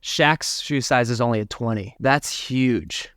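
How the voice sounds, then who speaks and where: A man co-hosting a podcast, narrating a film's plot in a playful, animated way with jokes along the way. His voice sits in a middle register, and the recording is dry and close. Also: mid-range voice, measured pace, no room sound. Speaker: podcast co-host. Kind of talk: casual film recap chat.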